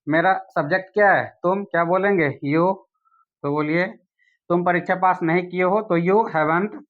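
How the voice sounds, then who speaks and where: A man teaching an English grammar lesson, asking the viewer questions and saying English examples slowly. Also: high-pitched, phone-quality sound.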